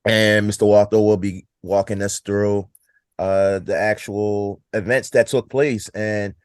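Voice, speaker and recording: A man answering as a podcast guest, explaining things in a measured, informative way. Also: fairly low pitch, fairly even intonation, clean tone, no echo.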